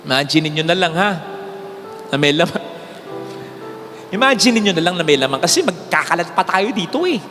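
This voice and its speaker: A man with a Filipino accent giving a homily as a priest, telling a story with lively swings between raised exclaims and low, hushed lines. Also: brisk, pauses often, music in the background. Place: large church. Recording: long church reverb with faint ambience.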